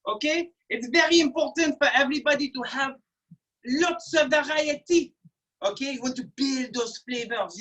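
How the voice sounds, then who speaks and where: A woman's voice: high voice, a bit bright, recorded from a distance, low-quality recording. A woman hosting a comedic cooking demonstration, talking in a playful, exaggerated, chatty way. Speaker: cooking show host.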